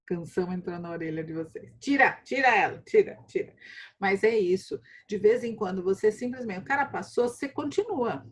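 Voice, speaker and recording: Husky, playful Brazilian woman lecturing. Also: brisk, few pauses. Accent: Brazilian Portuguese. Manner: playful, animated, acts out quotes with big pitch jumps. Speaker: law school professor and mentor. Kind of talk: online lecture to students. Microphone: video call.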